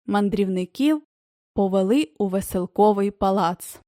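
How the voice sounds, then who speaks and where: A woman reading a children's story aloud as an audiobook narrator, in expressive, even-paced storytelling. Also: mid-range voice, unhurried, no room sound, studio quality. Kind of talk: scripted narration.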